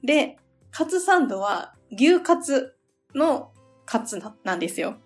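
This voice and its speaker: A woman from hosts her own podcast, speaking in a soft, polite, chatty manner with small laughs and a light lilt. Her voice sits slightly on the high side. Faint music plays quietly behind her. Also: big pitch swings, a little slow. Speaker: podcast host. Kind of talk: solo podcast chat, travel diary.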